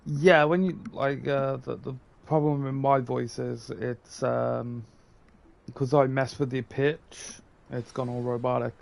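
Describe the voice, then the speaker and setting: A man's voice: mid-range voice, steady tone, slow pace, creaky. A man casually commenting on a game he plays, in a hesitant, rambling way. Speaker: gamer.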